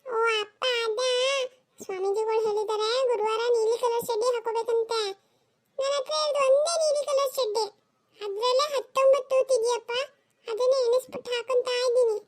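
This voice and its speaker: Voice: extremely high pitch, steady tone, brisk. A performer voicing a naive, silly young son who innocently explains himself to his father. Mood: innocent explaining. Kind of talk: cartoon comedy voice acting.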